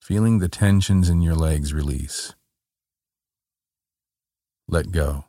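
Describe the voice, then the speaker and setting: Calm, meditative man with a very low voice. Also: dry recording, clean studio sound. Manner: gentle, unhurried instruction with short soothing phrases. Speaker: meditation guide. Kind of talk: guided body-scan relaxation.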